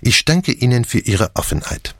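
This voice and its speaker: Brief: a vain clever detective with a French accent, lively and exacting, recorded dry and close. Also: male voice, medium pitch, moderate pace, dry recording. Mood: smug lively. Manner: precise, lively, theatrical, French interjections. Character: fussy clever Belgian male detective, middle-aged. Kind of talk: audiobook character reading.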